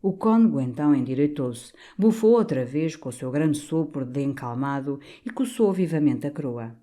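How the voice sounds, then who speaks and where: A woman narrating a classic novel in a measured, dramatic reading. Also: low-pitched, animated, mellow. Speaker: audiobook narrator. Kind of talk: scripted narration.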